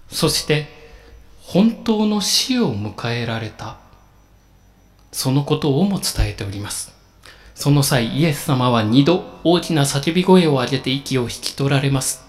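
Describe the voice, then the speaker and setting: A man preaching a sermon as a pastor, in a slow, solemn and measured delivery with emphatic pauses. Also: medium pitch.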